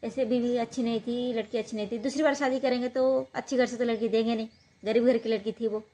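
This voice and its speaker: Female storyteller, higher voice, casual and rambling delivery full of fillers, telling a true-life tale. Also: fairly even intonation, quick pace, dark tone. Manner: rambling, colloquial, with many fillers and "what happened next" asides.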